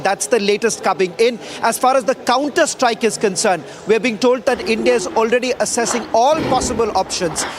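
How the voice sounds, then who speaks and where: A man presenting live news updates in a measured briefing tone, with frequent filler sounds. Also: high-pitched, a little hiss or hum. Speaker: news anchor.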